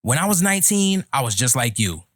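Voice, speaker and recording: Brief: man, 30s, podcast host, mid pitch, dry close sound, opinionated and lecturing. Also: big pitch swings, fairly bright tone, dry recording. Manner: opinionated, lecturing, slow deliberate delivery. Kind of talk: casual podcast chat.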